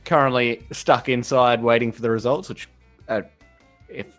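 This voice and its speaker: An Australian man with a gravelly, slightly under-the-weather voice, chatting casually with friends as a podcast co-host. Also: mid-range voice, fairly even intonation, moderate pace, a bit bright, soft background music. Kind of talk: casual banter among friends. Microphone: remote recording over the internet.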